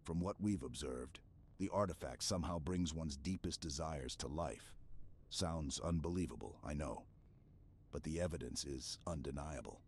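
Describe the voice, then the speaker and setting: A man playing Master Chief as a stoic, protective armored super-soldier in a scripted ASMR roleplay, speaking in a steady, clipped, reassuring military manner. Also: very deep voice, normal speed, full character voice. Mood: grave briefing. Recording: clear background ambience noise.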